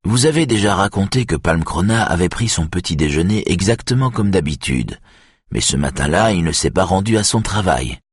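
A man's voice: sits low, expressive, normal speed, breathy edge, dry recording, clean studio sound, pitched above the performer's own voice. A man voicing a weary, persistent female detective who keeps pressing her questions. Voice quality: tired, insistent questioning.

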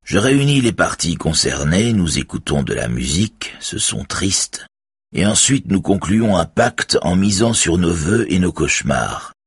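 A man's voice: low-pitched, sing-song, unhurried, slightly rough, dry recording, clean studio sound, voice pushed up, heavily acted. A man voicing a sinister male collector who keeps his menace tightly controlled behind a smile, read in an audiobook. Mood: cold. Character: sinister smiling male collector, cold host.

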